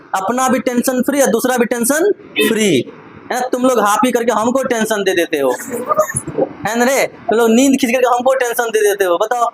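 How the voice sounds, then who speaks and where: A man's voice: extremely high pitch, moderate pace. A man teaching a classroom lesson, repeating questions for the class to answer and scolding them playfully. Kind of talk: classroom lesson with call-and-response. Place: classroom full of students. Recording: noisy classroom with students.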